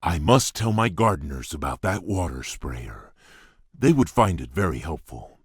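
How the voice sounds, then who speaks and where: An actor playing a courteous, shy beast prince in a video game, speaking formally and earnestly in a husky, gravelly rumble. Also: male voice, big pitch swings, moderate pace, dry recording, studio quality, heavily acted. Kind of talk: video game character voice lines.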